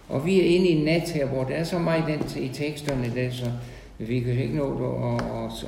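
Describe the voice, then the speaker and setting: A man giving an informal sermon to a small meeting, halting and repeating words, then rising to loud emphasis. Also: medium pitch, gravelly, roomy sound, big-room sound, a little hiss or hum, rough recording. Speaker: lay preacher.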